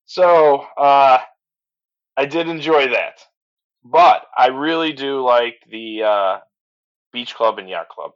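A man's voice: mid-range voice, slow. A middle-aged man chatting as a podcast guest, enthusiastic, full of restarts and "you know"s. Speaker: podcast guest, transport business owner. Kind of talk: casual interview chat. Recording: slightly dull lo-fi audio.

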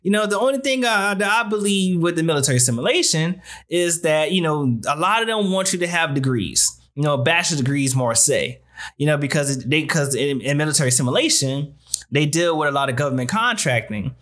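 A man's voice: fairly high pitch, lively intonation, fairly quick, fairly bright tone. A man hosting an online show, giving casual, slangy advice straight to his viewers. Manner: informal slangy talk, often addressing listener with "you know".

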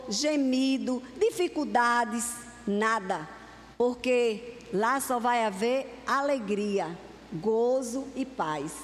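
A woman preacher delivering a sermon to a congregation in an earnest, repeating cadence. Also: high-pitched. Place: church hall. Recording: long hall reverb.

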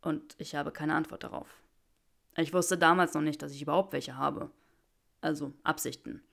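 A nervous young wizard who halts and stammers over his words, as a woman reading a fan story plays him. The voice is pitched a little low, gravelly and rough at the edges. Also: steady tone, a bit bright, full character voice. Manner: halting, stammering.

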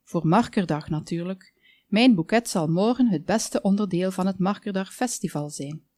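A woman's voice: mid-range voice, normal speed, dark tone, dry recording, studio quality, natural voice. A woman voicing a boastful, haughty female florist in a storybook.

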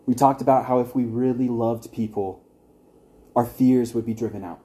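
A man's voice: medium pitch, fairly even intonation, moderate pace, warm tone. A young man teaching an evangelism class at church, earnest and conversational, with wry asides to his listeners.

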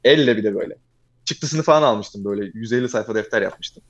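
A young man telling a long personal story in casual chat, fast and animated, often calling the listener "abi". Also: on the low side, dull audio.

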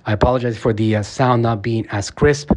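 With fairly even intonation and a slightly quick pace, this mid-range male voice belongs to the owner of a marketing agency. He's giving motivational podcast talk and interview answers, earnest and emphatic, using lots of fillers.

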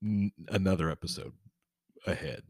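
A man hosting a podcast solo in casual, rambling, chummy talk, swinging between emphatic bursts and quiet trailing-off. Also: low-pitched, fairly even intonation, normal speed, dry recording, studio quality. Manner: rambling, informal, chummy address to listeners. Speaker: podcast host.

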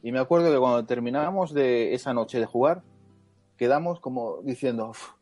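A man co-hosting a gaming podcast, telling game stories in an animated, rambling way with lots of fillers. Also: medium pitch, a little fast, no echo, faint music behind. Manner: animated storytelling with many fillers. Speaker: podcast co-host. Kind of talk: casual chat.

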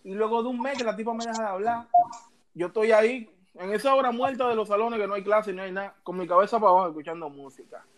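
A man, hosting a casual chat and telling an animated story, laughing and acting out the other people in it. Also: high voice, quick pace. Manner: animated, laughing, acts out voices in his story. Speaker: podcast host.

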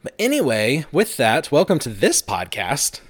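A man's voice: mid-range voice, huge pitch swings, measured pace, music in the background. A man in his thirties hosting a podcast, chatting casually and rambling with fillers and restarts. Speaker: podcast host. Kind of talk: casual chat.

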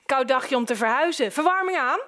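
A woman voicing a big, overfamiliar male neighbor in an audiobook, with a hearty, boisterous way of talking. Her voice rises and gets louder for him. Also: high-pitched, expressive, fairly quick. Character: loud jovial pushy male neighbor, big.

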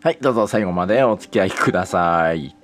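A man co-hosting a relaxed podcast, speaking in a Toyama dialect and laughing easily as he chats. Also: low voice, fast talker, soft background music. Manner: relaxed, chatty, laughs while talking. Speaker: podcast co-host. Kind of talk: casual podcast chat.

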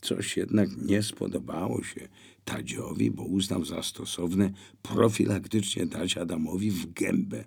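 A man reading an audiobook aloud in a measured, expressive way. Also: low voice, creaky, husky. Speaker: audiobook narrator. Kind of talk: scripted narration.

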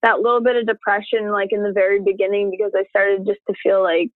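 A woman's voice: medium pitch, flat delivery, fast, no room sound. A woman chatting casually, telling a personal story and acting out what she and others said. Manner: chatty storytelling, acts out her own past words. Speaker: interviewee. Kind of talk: casual conversation. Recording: tinny phone line.

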